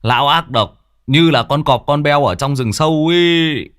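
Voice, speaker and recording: A man voicing a middle-aged village chief who speaks in a measured, serious way. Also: fairly high pitch, fairly bright tone, clean tone, no room sound, studio quality, voice pushed up, natural voice. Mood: grave.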